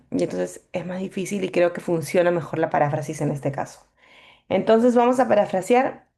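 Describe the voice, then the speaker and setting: A woman's voice: fairly low pitch, vocal fry, warm tone. A young woman teaching a Bible meditation workshop, explaining patiently with fillers and frequent checks that the class is following.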